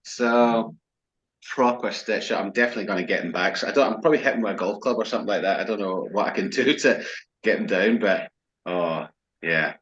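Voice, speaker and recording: Man, podcast co-host, husky voice, sweary storyteller, dull lo-fi sound. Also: on the low side, a little fast, a bit bright. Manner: sweary storytelling, acts out quotes. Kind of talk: casual banter.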